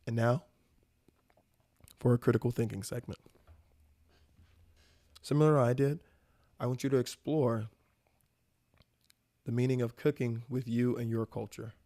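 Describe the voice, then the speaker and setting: A man's voice: mid-range voice, steady tone, a little slow, pauses often, warm tone. A young man from the American South hosting a casual solo podcast, talking about food with enthusiastic, rambling energy and casual swearing. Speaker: podcast host.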